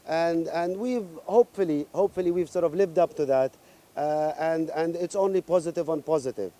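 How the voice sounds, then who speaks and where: A man's voice: a little high, moderate pace, dark tone. A man speaking for a golf club in an interview, hesitant, with many fillers and restarts. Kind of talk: interview answers.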